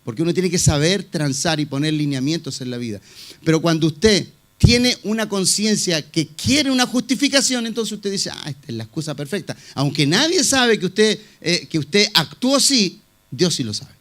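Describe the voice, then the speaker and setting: A man with a fairly high voice delivers a sermon as pastor. He speaks conversationally, repeating himself and pausing on fillers as he works through a point. He often puts rhetorical questions to the congregation. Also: expressive, a bit bright. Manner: conversational preaching with many fillers and repeated phrases.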